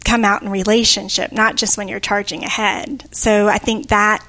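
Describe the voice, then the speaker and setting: A woman's voice: mid-range voice, little pitch movement, moderate pace, pushed and bright. Thoughtful woman in reflective chat. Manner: thoughtful, searching, frequent fillers and "kind of". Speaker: podcast co-host.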